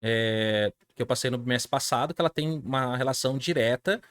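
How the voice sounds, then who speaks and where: A man's voice: medium pitch, brisk, fairly bright tone, no room sound, studio quality. A man with a Brazilian Portuguese accent teaching an English class online in an informal way, often checking in with his students. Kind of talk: live online class lecture.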